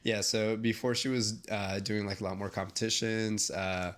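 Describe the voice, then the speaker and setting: A man's voice: on the low side, level tone, fairly bright tone. A young man, hosting a casual interview with lots of fillers and restarts. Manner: rambling, halting, lots of fillers. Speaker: podcast host.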